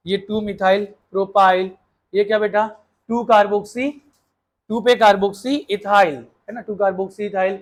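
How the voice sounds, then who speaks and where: Brisk, coaxing male chemistry teacher. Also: sits high. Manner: brisk, coaxing, quizzes the class and urges them to hurry; mixes Hindi with English terms. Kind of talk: classroom lecture.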